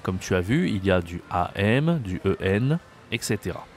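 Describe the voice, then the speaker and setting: A man teaching a video lesson on pronunciation, slow and patient, repeating words and checking that the listener follows. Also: fairly low pitch, big pitch swings, slight background noise. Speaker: French teacher. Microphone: camera mic.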